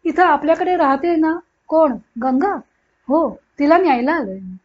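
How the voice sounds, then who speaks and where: A woman's voice: high voice, expressive, moderate pace. A woman reading as a polite, humble husband. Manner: polite and earnest. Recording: dull lo-fi recording.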